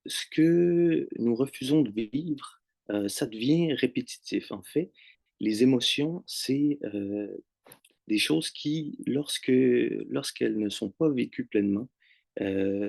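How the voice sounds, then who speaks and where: Slow, gravelly man with a Québécois accent. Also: lowish voice, darkish tone, no echo. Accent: Québécois French. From Montreal, Quebec. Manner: slow, hesitant, many pauses and fillers. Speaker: massage therapist presenting a retreat workshop. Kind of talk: online presentation. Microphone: video call.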